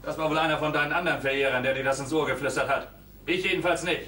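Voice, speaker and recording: An actor playing a harried young sculptor, blunt and exasperated, recorded live on a roomy stage from a distance. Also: male voice, a little high, fairly even intonation, racing, a little hiss or hum. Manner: exasperated, blunt, sometimes shouting. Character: harried young sculptor, man, curt with his ex.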